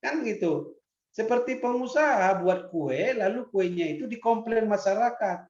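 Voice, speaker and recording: A man's voice: sits high, animated, moderate pace, a little mellow. A man giving a casual classroom lecture, chatty, often laughing and asking rhetorical questions. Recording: echoey, dull lo-fi room recording.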